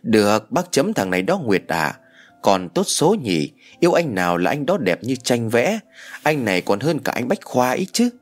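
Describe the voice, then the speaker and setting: A man voicing a loud, teasing middle-aged woman neighbor in an audio storybook. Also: mid-range voice, sing-song, moderate pace, soft background music, lightly acted.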